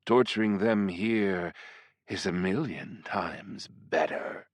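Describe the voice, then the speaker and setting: A man voicing a sadistic, seductive female succubus demon in an audiobook, drawing his words out slowly in a soft, purring way. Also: sits low, slightly rough, no room sound, full character voice. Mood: gloating. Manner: slow, drawn-out purring delivery. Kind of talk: audiobook character voice.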